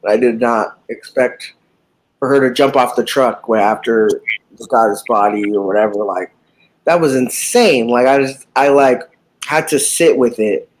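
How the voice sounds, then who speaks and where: A man's voice: medium pitch, normal speed, slight background noise, poor audio. A man in a casual live book chat, talking animatedly about a book, with frequent swearing and lots of fillers. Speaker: book discussion participant.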